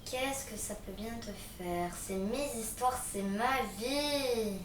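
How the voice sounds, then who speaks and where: A woman's voice: fairly high pitch, takes it slowly, echoey room, far from the mic, a little hiss or hum. A woman playing an irritated older sister who answers with snappy, impatient retorts. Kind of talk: amateur theatre acting.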